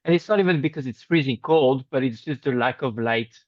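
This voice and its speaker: A man from France with a French accent chats as a guest on a casual video call, speaking hesitantly and in a friendly way with frequent fillers and restarts. His voice is medium-pitched and fairly quick with no echo, though the video call audio is dull and lo-fi.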